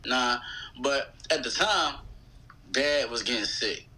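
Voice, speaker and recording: Slow and medium-pitched, this West Philadelphia rapper talks with a Philadelphia accent while guesting on an interview, spinning casual, slang-filled stories and acting out quoted lines with animation. The recording is low quality.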